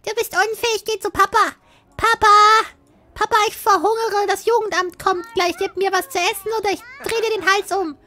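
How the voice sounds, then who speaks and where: Casting: woman doing a squeaky, bright, foul-mouthed brat of a baby girl, game character voice. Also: steady tone, normal speed. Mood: demanding. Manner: cheeky, insulting, whiny. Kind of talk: Let's Play character voice.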